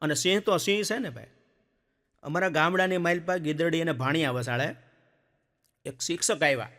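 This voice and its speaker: Brief: male stand-up storyteller, high bright voice, lively village yarns, stage hall reverb. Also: normal speed. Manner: lively joke-telling, acts out villagers and animals. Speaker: stand-up comedian. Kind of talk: folk comedy storytelling.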